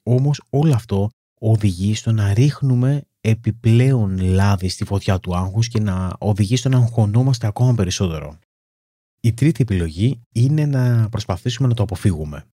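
A man talks as a coach in a self-help lesson, laying out his points one by one in a calm, methodical way. His voice sits low with a mellow, slightly husky tone. The recording is dry and close. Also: no echo. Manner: calm, explanatory, steady teaching with lists and examples. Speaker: weight-loss coach. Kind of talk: self-help talk to camera.

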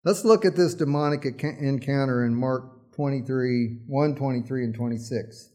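A man's voice: fairly high pitch, darkish tone. A middle-aged male pastor preaching a sermon, emphatic at times and telling folksy, humorous stories.

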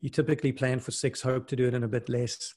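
Speaking fast in a mid-range voice, a middle-aged South African-raised man, a fund manager and mountaineer, chats casually as an interview guest. He's relaxed, often starting sentences over and using "you know" a lot.

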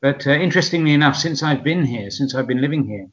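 Man in his 60s, southern English accent, from Essex, medium pitch, halting conversational storytelling, lo-fi recording. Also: animated, fairly bright tone. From Essex, England. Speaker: podcast guest. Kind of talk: conversational interview, personal anecdotes. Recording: dull, lo-fi audio.

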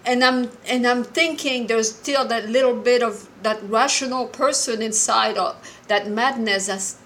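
Earnest, halting woman in her sixties. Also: on the high side, fairly bright tone, slight background noise, rough recording. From Morocco. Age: 60s. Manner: earnest and halting, with frequent restarts. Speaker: caller. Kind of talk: personal story told on a call-in show.

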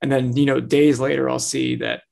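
A man's voice: medium pitch, level tone, moderate pace, vocal fry, darkish tone. A man co-hosting a podcast, chatting informally with dry humor. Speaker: podcast co-host, editor. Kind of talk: casual podcast chat.

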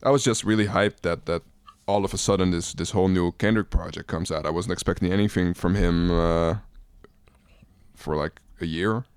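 Deep-voiced hesitant young man. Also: fairly even intonation, moderate pace, darkish tone, clean tone, no echo, clean studio sound. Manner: hesitant, filler-heavy. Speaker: podcast co-host. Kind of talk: casual chat.

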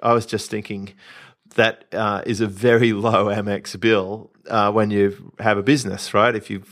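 A man's voice: on the low side, normal speed. A man from Australia hosting a casual podcast, talking confidently about business and spending. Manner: confident, animated storytelling with asides. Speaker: podcast host, entrepreneur coach.

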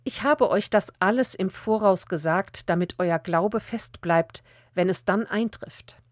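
A woman reading Bible passages aloud in a calm, measured way for a daily audiobook podcast. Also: medium pitch, no echo, clean studio sound. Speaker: Bible reader.

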